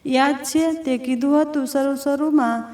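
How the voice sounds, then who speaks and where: A woman's voice: high-pitched, steady tone, measured pace, darkish tone. A woman voicing a strong-minded, heartfelt grown woman who talks in an earnest, reflective way. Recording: roomy echo from a distant mic.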